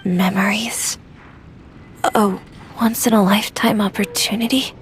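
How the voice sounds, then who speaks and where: A woman's voice: mid-range voice, fairly even intonation, measured pace, faint music behind, close to an everyday voice. A woman voicing a wistful, friendly but hesitant young townswoman in a video game. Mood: confused. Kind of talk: scripted video game dialogue.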